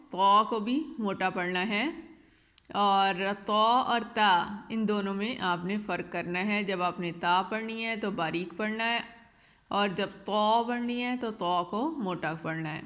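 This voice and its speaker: A woman's voice: medium pitch, a bit bright. Careful woman teacher stressing each sound. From Pakistan. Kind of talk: recorded online lesson.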